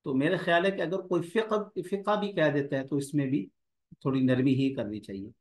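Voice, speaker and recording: A man's voice: medium pitch, a little fast, darkish tone. Man lecturing students in an echoey room. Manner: explanatory, addresses students directly. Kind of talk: academic lecture.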